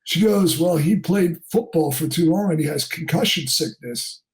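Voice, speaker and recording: A middle-aged charter fishing captain from New Jersey tells a story in a podcast interview and acts out the people in it. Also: male voice, on the high side, animated, moderate pace. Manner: acts out quoted people in raised voices.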